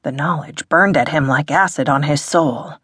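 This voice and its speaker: A woman reading an audiobook in a measured, dramatic narration. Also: low-pitched, a bit bright, slightly rough, dry recording, clean studio sound. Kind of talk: scripted narration.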